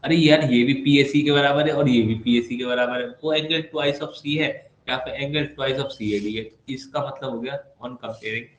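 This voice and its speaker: A man's voice: medium pitch, fairly even intonation, normal speed, hardly any pauses, muffled recording. Male maths tutor, playful, teasing, chatty; roomy echo, faint hiss behind. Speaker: maths teacher. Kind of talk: online class lecture. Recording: echoey room with faint background noise.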